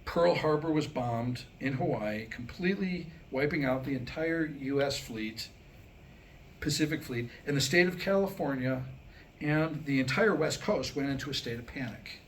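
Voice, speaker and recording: The playwright, a middle-aged man, performs comic monologue and storytelling at a staged reading before an audience. His pitch is medium and his speed normal. The live room recording is poor in quality, with background noise.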